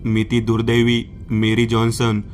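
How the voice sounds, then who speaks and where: A man's voice: medium pitch, monotone, soft background music, close to an everyday voice. A man doing a sorrowful woman of seventy. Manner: slow, sorrowful, confessing. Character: grieving woman of seventy, remorseful.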